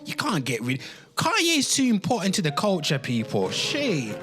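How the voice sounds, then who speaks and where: This streamer's high voice swoops wildly in pitch at a normal speed, with music underneath. He offers opinionated, emphatic livestream commentary, repeating phrases, addressing listeners directly, cursing now and then, and reading some text aloud.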